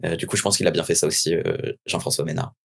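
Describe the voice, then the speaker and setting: A man's voice: low voice, steady tone, racing, vocal fry, breathy edge. A man co-hosting a casual podcast, talking hesitantly with many fillers. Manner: hesitant, repeats "en fait" and fillers. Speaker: podcast co-host. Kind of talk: casual chat.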